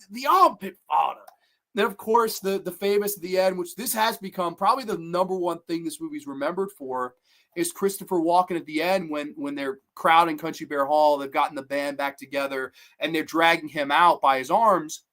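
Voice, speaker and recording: A movie review show host talking in a casual live-streamed style, excitable and profane, rambling with restarts and reading viewer comments aloud. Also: mid-range voice, moderate pace.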